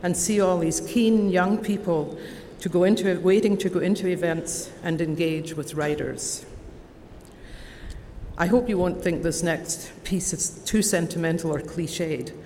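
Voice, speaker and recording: Her voice on the low side, an Edinburgh-accented woman from Scotland in her sixties gives a convocation speech at a podium after receiving an honorary degree. The prepared ceremonial address is formal, and her delivery is measured, deliberate and warmly earnest. The recording carries the long reverb of a large convocation hall plus faint background noise.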